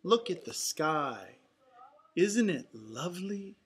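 A woman voicing a playful, gently teasing female cartoon duck from a storybook. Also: lowish voice, sing-song, slow, a little hiss or hum. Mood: admiring.

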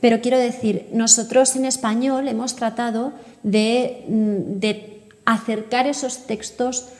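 A woman in her thirties hosts a conversational podcast interview from a book-lined room, explaining things articulately. Her voice is on the high side, with fairly even intonation, a slightly slow pace and a darkish tone, in reverberant indoor acoustics.

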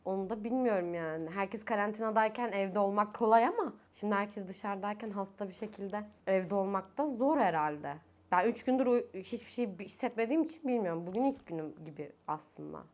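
A woman's voice: medium pitch, brisk, hardly any pauses. A young woman in her twenties chatting casually to camera from her bedroom while speaking through a face mask. She is tired and has a sore throat, coughs, laughs often, and her voice climbs when she gets annoyed. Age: 20s. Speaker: vlogger. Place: her own bedroom, indoors.

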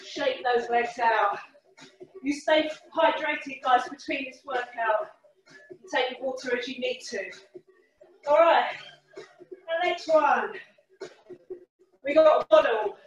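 A woman leading a workout class as a fitness instructor, calling short, energetic, encouraging cues and counts. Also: high voice, takes it slowly, long pauses, muffled recording. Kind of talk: live workout class coaching. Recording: echoey room, far from the mic.

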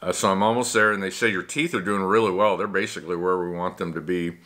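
A man in his forties wearing braces talks to the camera about his treatment, rambling and matter-of-fact, with a slight lisp from the elastics. His voice sits fairly low yet sounds bright and forceful. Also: fairly even intonation, fast talker. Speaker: vlogger. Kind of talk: casual talk to camera.

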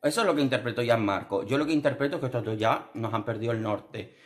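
A man's voice: medium pitch, fast talker. A young man from Spain giving a casual, sarcastic commentary on a reality show, camp and theatrical, with squealing put-on quotes.

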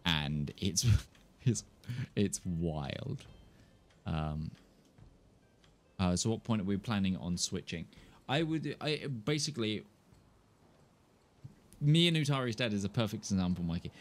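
A young male streamer from southern England, with a mild Kentish accent and a nasal, fairly low voice, chats animatedly to viewers while gaming at home. He talks a little slowly, pauses often, rambles, mocks himself and laughs a lot. He sits in a gaming chair indoors, speaking into a desk mic in front of him.

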